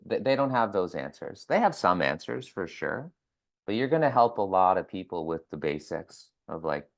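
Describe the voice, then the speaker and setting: A man, a physiotherapist and educator, guesting on a casual podcast, talking bluntly, swearing and often starting over. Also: low voice.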